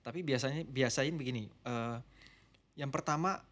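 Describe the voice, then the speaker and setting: A middle-aged man, a pastor and marriage mentor, talking easily as a guest on a podcast, explaining in a relaxed way. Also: mid-range voice, normal speed. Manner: relaxed, explanatory, drifts between formal and slangy Indonesian. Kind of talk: casual podcast conversation.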